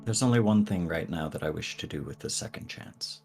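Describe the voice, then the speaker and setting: A man's voice: deep voice, fairly quick, darkish tone, faint music behind. A man playing a solemn, devoted elf in a tabletop game, speaking in an earnest, formal, hesitant way. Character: solemn, devoted young male elf with a curse.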